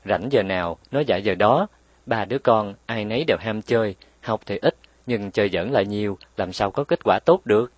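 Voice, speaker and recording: A man voicing a tender but firm mother who explains patiently and scolds gently, in a raised voice. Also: lowish voice, brisk, husky, no room sound.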